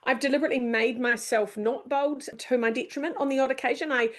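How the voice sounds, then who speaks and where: Woman in her 50s, guest on a leadership chat, animated, does voices when she tells a story. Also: high voice, fast. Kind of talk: casual interview chat.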